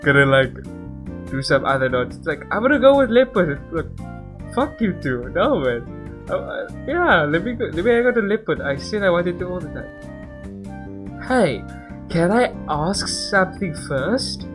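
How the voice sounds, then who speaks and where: A man's voice: high voice, big pitch swings, normal speed. A young man doing a casual let's-play, reading game text aloud and breaking off into rambling commentary. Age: young adult. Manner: rambling, self-interrupting. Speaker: gaming channel host. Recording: music behind the voice.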